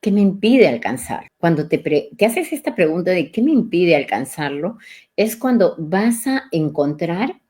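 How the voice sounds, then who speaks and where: Lower-pitched woman coaching reflectively. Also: sing-song, measured pace, a little mellow. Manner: reflective, poses questions to the listener. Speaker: neuro-coach host. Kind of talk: motivational live talk. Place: live online session.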